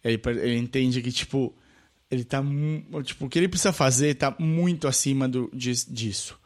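Male co-host, congested from a cold, halting and self-correcting. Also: medium pitch. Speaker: podcast co-host. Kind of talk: casual film chat.

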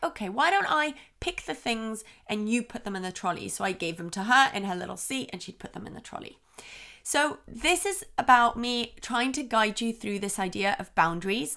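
A woman hosting a parenting podcast, calmly explaining child development and acting out what she says to her young daughter. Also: a little high. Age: adult, parent of a young daughter. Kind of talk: advice podcast monologue.

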